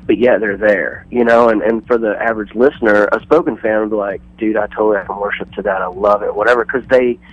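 Male musician phoning in to a radio show, deeper voice, dry phone sound, loose rambling storyteller. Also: steady tone, fast, few pauses, no room sound, muffled recording. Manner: rambling storyteller acting out quoted people. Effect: over the phone. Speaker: touring musician guest. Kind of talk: casual radio phone interview.

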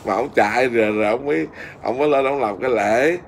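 A middle-aged Buddhist monk with a Southern Vietnamese accent, telling a story in an easy conversational way. He rambles, restarts and fills pauses as he goes, at an ordinary pitch for a man. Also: a little hiss or hum. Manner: rambling, with many fillers and restarts.

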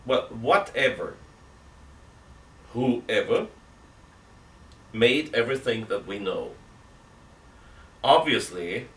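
Middle-aged priest reasoning aloud, roomy sound. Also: male voice, mid-range voice, very animated, slow, pauses often, a bit bright. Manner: reasoning aloud, emphatic rhetorical questions; gestures with both hands while talking. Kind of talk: seated catechism talk. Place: indoor room with armchair. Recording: roomy, distant from mic, faint hiss.

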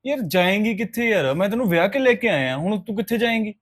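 A placating young husband from a drama film, played by a man, who coaxes his upset wife and keeps repeating reassurances. His voice sits somewhat high for a man. He speaks in an everyday, gentle tone. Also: animated, fast. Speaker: actor in a short film.

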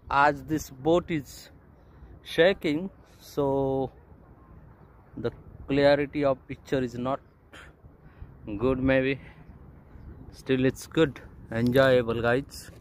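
A middle-aged man chatting casually to viewers as he fishes from a small boat, filming on a phone held at arm's length, with boat and water sounds behind. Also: mid-range voice. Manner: chatty, addresses viewers as guys, simple phrasing. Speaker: fishing vlogger. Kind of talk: casual narration while fishing. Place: outdoors on a small boat at sea.

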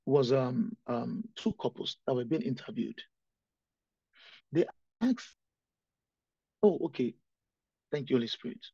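A man's voice: mid-range voice, expressive, measured pace, gravelly, pauses often, warm tone, breathy edge, no room sound, dull audio. A young man preaching a sermon as a pastor, earnest and pleading with his listeners.

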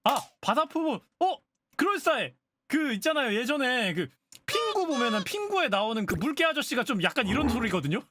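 A woman streamer chats casually, exclaiming and guessing aloud in a playful way. Her pitch sits a bit high and swings widely. Clear noise runs under her voice throughout the stream. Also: very animated, a little fast. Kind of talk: casual live-stream chat.

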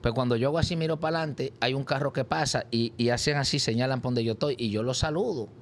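A man tells his story as an interview guest. He slips into the voices of the people in it, now and then with sudden high cries. Faint background noise sits under his voice. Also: fast talker. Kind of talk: animated personal testimony.

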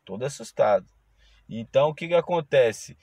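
A man's voice: medium pitch, animated, a little mellow, no room sound. Preachy man. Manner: moralizing, preachy, slow and drawn out. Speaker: ride-hailing driver. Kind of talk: casual storytelling vlog.

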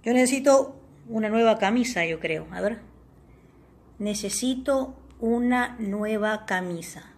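A woman hosting a tutorial, walking viewers step by step through a language-learning app and pausing often to check they follow. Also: fairly high pitch, darkish tone, slight background noise. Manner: reads English words aloud for the viewer. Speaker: tutorial host.

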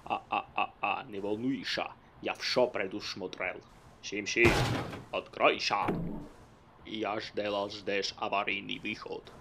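A wisecracking young sidekick. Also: male voice, lowish voice, level tone, slow pace, vocal fry, noisy background. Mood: confident. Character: joking young male sidekick. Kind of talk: animated film dub. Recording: film dub with music underneath.

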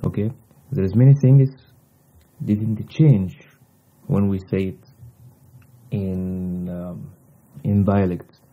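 A man whose native language is Arabic, teaching a language lesson in deliberate, halting short phrases on a slightly dull recording. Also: sits low, fairly even intonation. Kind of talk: slow instructional language lesson.

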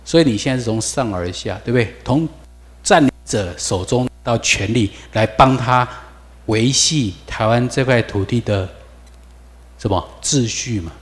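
A man's voice: mid-range voice, unhurried. A man with a Taiwanese Mandarin accent giving a classroom lecture, firing rhetorical questions and drilling students on vocabulary. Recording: long reverb lecture hall.

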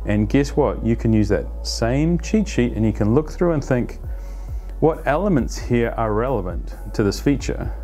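A man in his fifties explaining a team planning practice to camera as an agile coach, conversational and animated, on a lapel mic in a plain studio. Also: mid-range voice, normal speed, soft background music. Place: plain studio against a light wall.

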